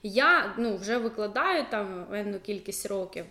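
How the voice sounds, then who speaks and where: A woman's voice: mid-range voice, lively intonation, unhurried, bright, forceful tone, roomy sound. A young adult woman teacher, explaining a school subject in a casual, chatty way with many fillers and asides.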